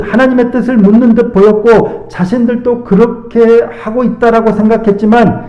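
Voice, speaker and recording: A male pastor giving a midweek sermon, earnest, asking rhetorical questions and reading scripture slowly. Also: very high-pitched. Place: church sanctuary. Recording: echoey church hall, dull lo-fi sound.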